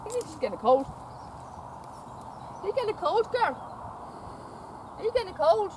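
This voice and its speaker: Very high-pitched and very animated, a woman speaks at normal speed while coaxing a mare in baby talk in an outdoor paddock at a stud farm she is visiting as a vlogger. Chatting casually with the horse and her companion, she repeats phrases and stammers, caught on a camera held by the companion amid wind and farm noise.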